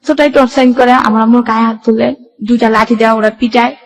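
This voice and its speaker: This young adult guest, speaking with a Bangladeshi Bengali accent, tells the story of her life in loose, run-on colloquial speech peppered with reported conversations. Her pitch is a little high, her tone steady and her pace quick.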